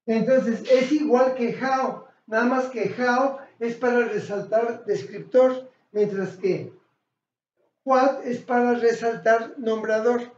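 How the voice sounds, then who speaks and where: A man with a high voice explains a lesson at an unhurried pace, pausing often and correcting himself as he goes. He sounds like he is in an echoey room. The recording is dull and lo-fi. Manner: slow, deliberate, with pauses and self-corrections. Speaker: English teacher.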